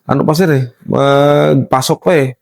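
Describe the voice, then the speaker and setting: A man with a Filipino accent, a soldier recounting a firefight to an interviewer, halting, restarting often and politely addressing his listener as sir. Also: a little high, fairly even intonation, gravelly, darkish tone. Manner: deferential, says "sir" constantly, halting with many restarts. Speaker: soldier telling his combat story. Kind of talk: recounting a war story in an interview.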